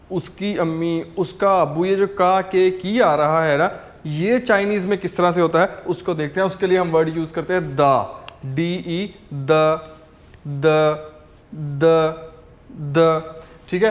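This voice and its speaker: Slow, patient high-voiced male teacher. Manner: patient, repeats words for learners to copy, says "ok" often. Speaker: language teacher. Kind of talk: slow step-by-step language lesson.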